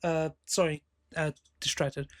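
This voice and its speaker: On this podcast, a British man co-hosts with a high-ish, level voice and a somewhat slow delivery. The conversation is a casual fan review, and his manner is blokey and teasing.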